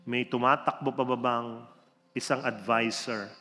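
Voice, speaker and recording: A man, a religion teacher, telling a true story to an audience in an animated, theatrical way. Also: measured pace. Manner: animated, theatrical storytelling with big swings in pitch and loudness. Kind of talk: inspirational storytelling talk. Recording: reverberant hall with faint background music.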